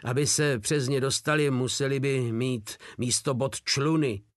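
A man's voice: medium pitch, no room sound, studio quality, close to an everyday voice. A man voicing a blunt, skeptical soldier in a war story. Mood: disbelieving. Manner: blunt, disbelieving.

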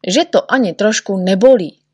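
A woman's voice: medium pitch, a little mellow, breathy edge, dry recording, studio quality, lightly acted. A woman doing a fussy storybook doctor. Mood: soothing. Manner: soothing, chiding. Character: fussy, patient little male doctor.

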